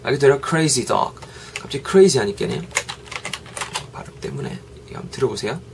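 Lively Gyeongsang-accented English teacher. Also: male voice, mid-range voice, normal speed, gravelly, background noise. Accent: Gyeongsang Korean. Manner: lively, repeats model phrases for drilling. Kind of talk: online English lesson.

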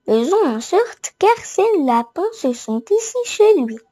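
A woman voicing a kindly, wise male owl in a gentle storybook reading for a toddler. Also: very high-pitched, very animated, slow pace, dry recording, clean studio sound, heavily acted. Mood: welcoming.

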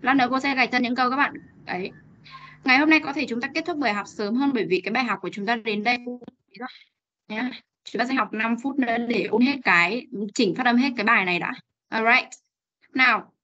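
A woman's voice: a little high, fast, bright, forceful tone, lo-fi sound. A young Vietnamese woman teaching English on a video call, coaxing students to repeat and drilling their pronunciation. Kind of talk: online class teaching.

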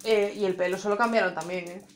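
A woman from Spain with a Spain Spanish accent co-hosts a podcast, speaking fast at a medium pitch in a steady tone. The casual chat finds her joking, swearing freely and acting out scenes.

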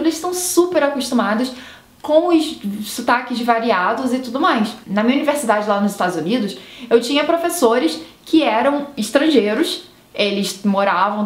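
A young Brazilian woman with a Brazilian Portuguese accent explains things in a relaxed, reassuring way, often tagging questions onto the end of her sentences. Her voice sits a little high. It rings with the echo of a roomy space. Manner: chatty, reassuring, with tag questions. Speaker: English teacher and video host. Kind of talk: casual video lesson.

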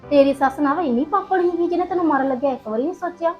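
Cautious, protective village housewife, played by a woman; high, quick voice on a dull recording. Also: a little mellow, faint music behind, close to an everyday voice. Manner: cautious and advising. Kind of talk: village family drama acting.

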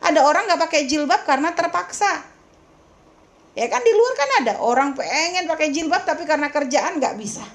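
A woman's voice: high-pitched, animated, a little fast. A woman religious teacher giving a lecture in a question-and-answer session, emphatic and scolding, full of rhetorical questions and speaking familiarly to her listeners.

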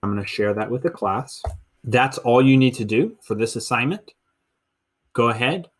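A thirtysomething American man, a middle school teacher, explains a lesson step by step in a screencast while counting out loud. He has a medium-pitched voice with lively intonation and keeps a moderate pace.

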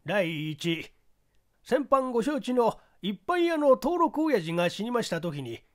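A man's voice: extremely high pitch, very animated, unhurried, pitched above the performer's own voice, heavily acted. A man voicing a grey-bearded police sergeant reporting in stiff, polite formal speech. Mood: respectful.

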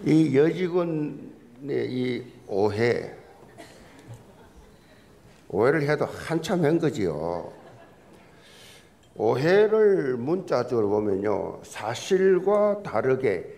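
A man's voice: mid-range voice, sing-song, drawn-out words, gravelly, pauses often, dark tone, a little hiss or hum. A man preaching a Sunday sermon in a church, a pastor with a folksy, joking storytelling manner. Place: church sanctuary.

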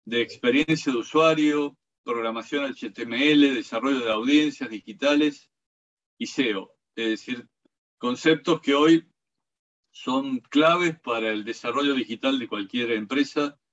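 A man hosting, reading a formal speaker introduction in a steady, read-aloud way. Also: mid-range voice, unhurried. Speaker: host. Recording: dull lo-fi sound.

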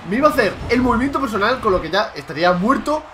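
A young man from Spain with a Spanish accent, giving loud, excited commentary on his own gameplay, shouting and swearing at his opponent. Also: high-pitched, racing, faint music behind. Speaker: gaming YouTuber.

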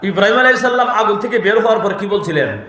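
A male preacher with a somewhat high-pitched voice delivers a lively waz sermon. He jumps between storytelling, shouted appeals and sung lines. The sound rings with a big loudspeaker echo. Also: fast. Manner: animated storytelling, sudden shouts and sung phrases, calls for crowd response. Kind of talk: Bangla waz sermon with chanted recitation. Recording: very echoey loudspeaker hall.

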